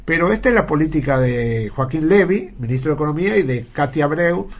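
A man giving indignant political commentary on a radio panel, often pausing on fillers as he talks. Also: fairly high pitch, animated. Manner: indignant, halting with frequent fillers.

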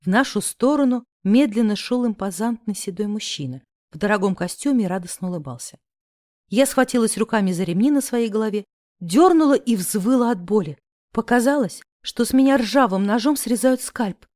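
A woman narrating a first-person novel chapter in a sardonic, lively way. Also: mid-range voice, moderate pace, dry recording, clean studio sound. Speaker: audiobook narrator.

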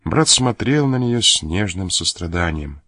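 A man narrating an audiobook in a measured, even storytelling manner. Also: low-pitched, no room sound, studio quality. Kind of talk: scripted narration.

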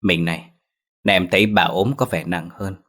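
Man doing a gentle, pleading young wife. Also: sits low, steady tone, brisk. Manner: soft, pleading.

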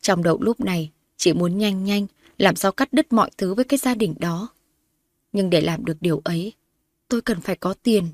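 A woman narrating a first-person audio novel in a steady, dramatic storytelling manner. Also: medium pitch, a little fast, dry recording, studio quality.

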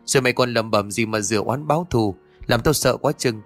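A man's voice: mid-range voice, a little fast, soft background music, close to an everyday voice. A man reading the part of an anxious teenage schoolgirl in an audio story, talking hurriedly in a raised voice. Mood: worried.

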